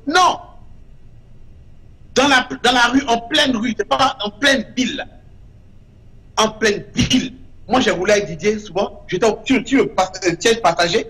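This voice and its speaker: A guest artist in an interview, a man with a high-pitched, slightly bright voice, talks with passion and emphasis, repeating short verdicts.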